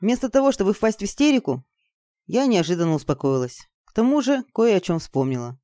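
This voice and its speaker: Warm, expressive woman narrating a story. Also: mid-range voice, fairly quick, no echo, clean studio sound. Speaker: audiobook narrator. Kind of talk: scripted narration.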